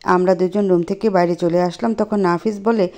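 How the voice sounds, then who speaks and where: A woman narrating a first-person love story in an expressive storytelling manner. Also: lowish voice, normal speed.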